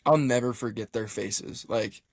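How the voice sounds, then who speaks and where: Casual storytelling from a man of middling pitch who gets animated, laughs through his tale and acts out each quoted line. He swears freely as he talks. The sound is close and dry, with no room around his voice. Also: measured pace, dry recording. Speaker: running team member telling a story.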